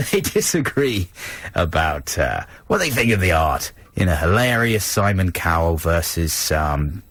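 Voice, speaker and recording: A man's voice: low-pitched, big pitch swings, a little slow, fairly bright tone, no room sound. A man in his thirties co-hosting a radio show, bantering sardonically in a studio. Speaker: radio co-host. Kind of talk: casual chat on a radio show. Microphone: studio microphone.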